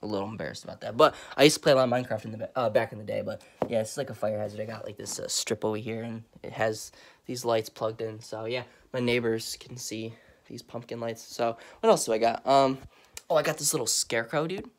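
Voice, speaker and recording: This vlog features a young man, nose blocked by a cold, touring his dark bedroom under Halloween lights while filming on a phone at arm's length. He speaks quickly at a medium pitch with a steady tone, rambling chattily and using lots of fillers.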